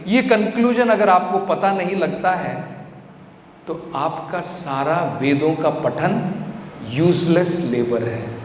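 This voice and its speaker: A man's voice: high-pitched, a little hiss or hum. A man giving a devotional scripture lecture, explaining verses line by line and putting rhetorical questions to his listeners. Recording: echoey hall with faint ambience.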